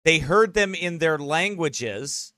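High, bright-voiced mocking preacher man. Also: slow pace, dry recording, studio quality. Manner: mocking, animated, reads quotes aloud. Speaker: pastor. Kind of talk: sermon.

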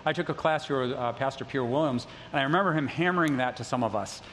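A man's voice: medium pitch, quick pace, fairly bright tone. A middle-aged man preaching a sermon to his congregation, conversational and self-deprecating, with joking asides to the listeners. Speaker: pastor. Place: church sanctuary. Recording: long reverb in a large hall, faint noise.

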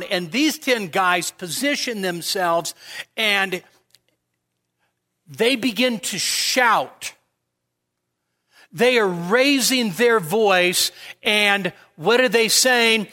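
A man's voice: sits high, sharp tone. A man preaching a sermon in a conversational way, often asking his listeners rhetorical questions. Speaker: pastor.

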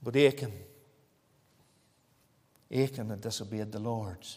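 A man's voice: lowish voice, fairly even intonation, a little slow, darkish tone, slightly rough. A man with a Northern Irish accent preaching an evangelical sermon in a dramatic manner, full of rhetorical questions and repetition. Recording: echoey hall with long reverb.

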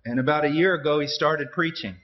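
Earnest male preacher, slightly high-pitched, muffled recording. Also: a little fast. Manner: earnest, emphatic short phrases. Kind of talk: sermon with pauses for an interpreter.

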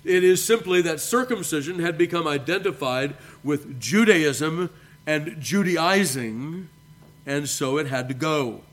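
A man, a pastor, preaching a measured sermon and reading scripture aloud. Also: fairly high pitch, animated, a bit bright. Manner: addresses listeners as beloved.

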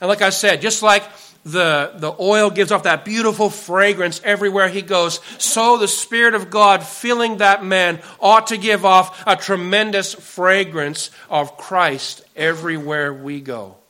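A man's voice: high voice, steady tone, measured pace, bright, forceful tone. A man preaching a sermon as a pastor, earnest and emphatic, building lists of points for the congregation.

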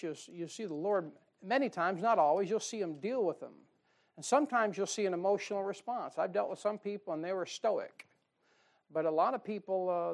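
Preacher swinging between loud and hushed. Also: male voice, sits high, gravelly. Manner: swings between loud emphasis and quiet asides; reads scripture in slow, drawn-out emphasis. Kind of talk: sermon teaching soul-winning.

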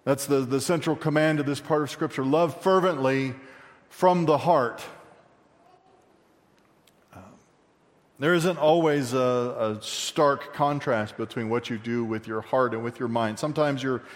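A man's voice: mid-range voice, fairly even intonation, normal speed. Man preaching in a reverberant hall. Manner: conversational preaching with asides to the congregation. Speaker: pastor. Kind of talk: sermon.

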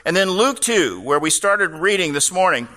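A man's voice: high voice, animated, normal speed, pushed and bright. A man preaching a sermon, explaining scripture passages with casual asides to the congregation. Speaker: pastor. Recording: long reverb of a large hall.

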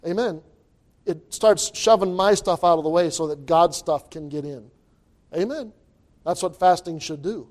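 A man's voice: a little high, moderate pace, darkish tone. A man preaching an informal sermon as a pastor, emphatic and folksy, repeating phrases and restarting his sentences. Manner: folksy, colloquial wording.

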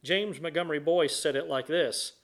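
A man preaching a sermon and leading prayer from the pulpit, earnest and measured, pausing between phrases. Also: a little high, fairly bright tone. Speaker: pastor.

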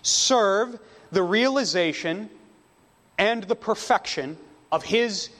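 A man preaching a sermon, slow and emphatic, with dramatic pauses between phrases. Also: sits high, fairly bright tone, big-room sound.

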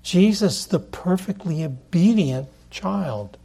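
A man delivers a sermon as pastor, speaking slowly and deliberately. His voice is warm and mellow rather than bright, and he stresses the words that matter. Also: high voice, lively intonation, creaky, slightly rough.

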